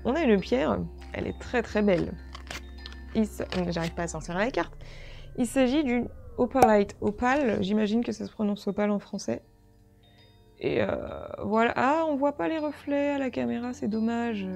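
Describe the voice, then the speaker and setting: A woman's voice: on the high side, vocal fry, warm tone. A woman chatting casually through an unboxing video, easily delighted and gushing over small items. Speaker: unboxing vlogger.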